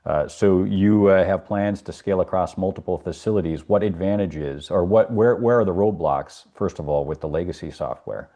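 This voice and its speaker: A man moderating a webinar, reading audience questions with a hesitant, halting delivery. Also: low voice, mellow.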